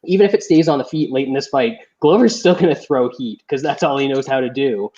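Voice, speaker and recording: A man's voice: mid-range voice, a little fast, dark tone, dull audio. A man co-hosting a podcast, giving blunt, confident betting picks with lots of "uh"s. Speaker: podcast co-host. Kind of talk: casual fight-analysis chat.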